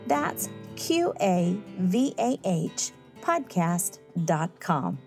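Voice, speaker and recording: Woman host narrating over soft guitar. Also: lowish voice, sing-song, very slow. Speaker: podcast host. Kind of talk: scripted narration. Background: soft guitar music.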